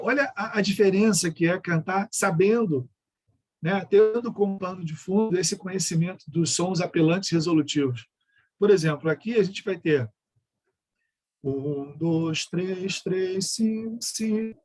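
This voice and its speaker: Husky-voiced man giving a music lesson. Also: high voice. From Brazil. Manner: explanatory, sings rhythm syllables and numbers. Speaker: music education lecturer. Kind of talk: online lecture with sung examples.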